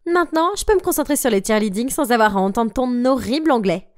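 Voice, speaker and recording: A woman's voice: a little high, lively intonation, quick pace, natural voice. A woman voicing a spiteful, bossy popular teenage girl who captains the cheer squad. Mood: taunting. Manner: mocking, bossy.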